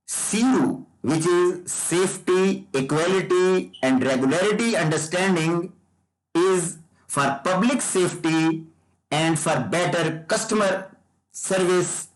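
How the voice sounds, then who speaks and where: A man teaching as a licensing trainer, explaining rules slowly and repeating key points. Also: high-pitched, poor audio. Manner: slow, repetitive, deliberate explaining. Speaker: driver licensing trainer and tutor. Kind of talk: explanatory lesson presentation.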